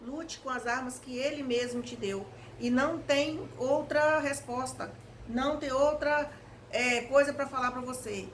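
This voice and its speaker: A woman preaches an earnest home devotional, urging her listeners on directly in a fairly high voice. An electric fan blows straight into her face as she talks. Its steady whir runs loud under every word of the home recording. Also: unhurried, a little hiss or hum, low-quality recording. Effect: electric fan blowing right in her face while she talks. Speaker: evangelical lay preacher. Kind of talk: home devotional reflection video. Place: hot room at home.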